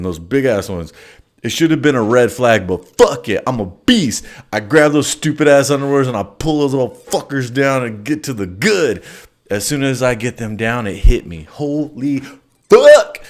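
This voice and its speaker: A man telling a story in a casual monologue, crude and profane, rambling with lots of fillers. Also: mid-range voice.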